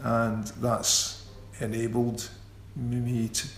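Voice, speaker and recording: In an echoey room with faint background noise, a man who stammers gives a radio interview as a musician guest. His medium-pitched delivery is completely flat, slow and considered, broken by repeated sounds and restarts.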